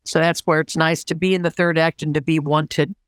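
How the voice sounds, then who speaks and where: A woman in her sixties, a social worker and counselor, talking as an interview guest in an enthusiastic, expressive way. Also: low voice, brisk, dry recording, clean studio sound. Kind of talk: casual conversation.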